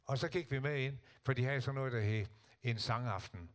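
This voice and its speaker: An older man, a singer and guest, telling lively stories and acting out what others said. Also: mid-range voice. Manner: animated, acts out quotes. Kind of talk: casual storytelling.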